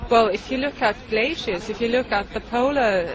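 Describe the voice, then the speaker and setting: A man from Norway, answering in a hesitant, halting way during a street interview. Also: very high-pitched, highs cut off. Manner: hesitant, halting, searching for words. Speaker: campaigner being interviewed. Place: outdoors in a busy city street. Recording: street recording with crowd noise.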